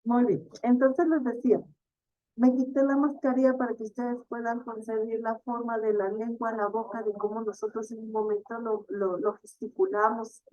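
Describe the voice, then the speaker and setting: A woman teacher giving a classroom lecture, explaining slowly, stretching example words and often asking the class "¿verdad?". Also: on the high side, level tone, dry recording, muffled recording.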